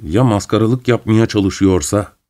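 Reading an audiobook, a man with a lowish voice plays an irritable, suspicious middle-aged gentleman who speaks bluntly and sharply. His pace is a little slow and the acting light.

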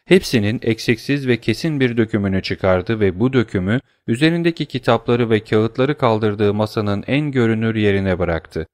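A man narrating an audiobook in a measured, even storytelling voice. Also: fairly low pitch, no room sound, clean studio sound. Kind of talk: scripted narration.

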